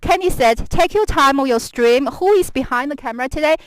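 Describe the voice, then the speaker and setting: A woman's voice: high-pitched, animated, a little fast, no room sound, low-quality recording. A woman hosting a live stream outdoors while walking on a snowy stretch of wall, chatting in a giggly, talkative way and switching between English and Mandarin. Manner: chatty and giggly, laughing often. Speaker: live stream host and guide on a walk. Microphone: handheld camera follows her while she walks.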